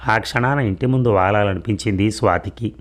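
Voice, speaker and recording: Deep-voiced male story narrator. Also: brisk. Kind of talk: scripted narration of a serial story.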